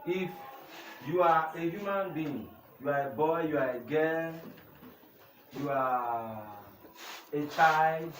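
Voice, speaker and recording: A man's voice: on the high side, slow pace, long pauses, a bit bright. A young man with a Nigerian English accent, teaching a youth class and often asking the room to finish his sentences. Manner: call-and-response questioning. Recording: echoey room from far off, noisy.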